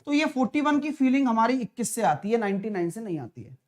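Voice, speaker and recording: This man's voice is very high-pitched and very animated as he runs a live online maths class for exam prep. He's chatty and coaxing, constantly firing quick questions at his students.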